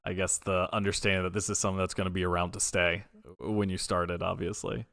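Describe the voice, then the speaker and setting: A man's voice: sits low, flat delivery, fast talker, creaky, a bit bright, no echo, studio quality. A man hosting a livestream, interviewing casually in an effusive, informal way with rambling questions. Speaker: livestream host.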